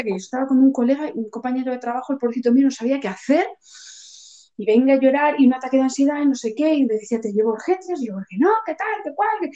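A woman with a Spain Spanish accent in casual chat, telling a personal story with lively acted-out quotes and frequent swearing. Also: high-pitched. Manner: lively storytelling, acting out her own quoted lines, swears freely. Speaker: podcast co-host. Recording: dull lo-fi sound.

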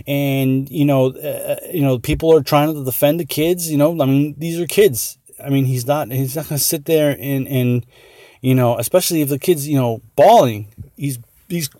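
A man's voice: mid-range voice, normal speed, dark tone, dry recording, clean studio sound. A man hosting a casual solo talk show, rambling with many fillers and restarts and growing earnest as he talks. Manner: earnest, gets worked up. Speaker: podcast host.

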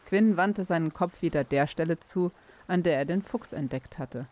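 A woman reading a fantasy audiobook chapter aloud in a calm, steady storytelling manner. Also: fairly low pitch, moderate pace. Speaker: audiobook reader. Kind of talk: scripted narration.

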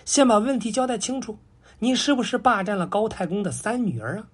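A brash, hot-tempered monkey king, pitched up and scolding in quick, indignant bursts, as a man puts him on. His breathy voice leaps around as he lectures. A comic storybook tale. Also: animated.

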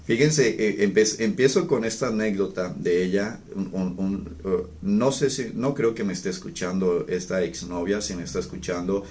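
Man, Mexican accent, low voice, relaxed anecdotal talk, lots of fillers. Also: normal speed, few pauses, slight background noise. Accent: Mexican Spanish. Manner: relaxed storytelling with many fillers and restarts, chuckling. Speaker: therapist and podcast host.

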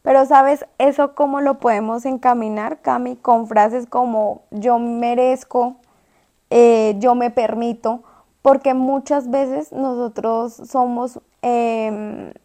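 A woman co-hosting a casual podcast chat, speaking in a measured, reflective way. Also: a little high, steady tone, mellow. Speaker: podcast co-host.

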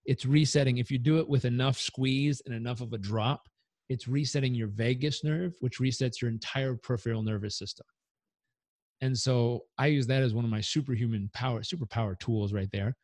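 A man speaks as a guest coach on a podcast, energetic and motivational. His voice sits in a middle register. The sound is dry and close, with no room around it. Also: medium pitch, a little fast, no room sound. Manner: energetic, motivational, leads breathing exercise aloud. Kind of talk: podcast interview.

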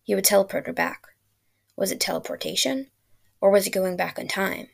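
Brief: woman storyteller, mid-pitched, a bit of vocal fry, steady delivery. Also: fairly quick. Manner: steady reading of her own story. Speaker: podcast host and author. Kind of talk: storytelling narration.

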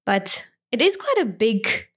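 A woman's voice: on the high side, very animated, measured pace, a bit bright, breathy edge. A woman co-hosting a casual podcast chat, thoughtful and asking questions. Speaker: podcast co-host.

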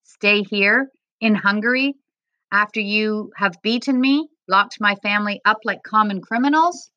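A woman's voice: medium pitch, moderate pace, sharp tone, dry recording, muffled recording. A woman reading the part of a middle-aged refugee father who jokes wryly and then rages at officials. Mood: furious. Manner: wry joking turning to bitter anger.

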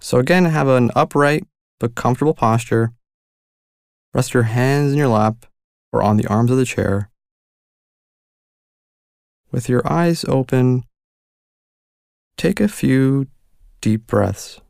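A man leading a guided meditation in a soft, calm and unhurried way, pausing between short instructions. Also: mid-range voice, gravelly, clean tone, no room sound, clean studio sound.

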